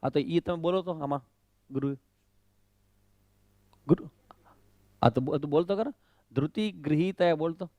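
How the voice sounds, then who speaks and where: A man leading a pronunciation class, his voice sitting a little above the usual male range. He speaks very slowly and repeats each syllable, questioning students as he corrects them. The room is dry, with no echo around his voice. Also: a little high, a little mellow. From Kutch, Gujarat. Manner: mixes in English phrases. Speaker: swami teaching Gita recitation.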